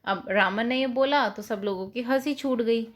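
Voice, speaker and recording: A woman's voice: fairly high pitch, normal speed. A woman, teaching children by retelling a story and explaining it in simple words.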